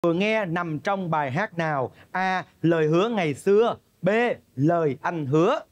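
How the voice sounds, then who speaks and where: A middle-aged man with a Southern Vietnamese accent hosting a game show in a lively presenting style. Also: on the high side, moderate pace. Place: large TV studio stage. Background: loud show music.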